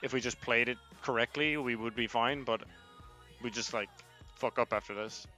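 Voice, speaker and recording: A young coach talks loosely over game footage, swearing and chatting to viewers in between. His voice is bright and forceful at a middling pitch. Soft music plays quietly in the background. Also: normal speed. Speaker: esports head coach reviewing match footage. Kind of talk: casual livestream commentary. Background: faint music playing.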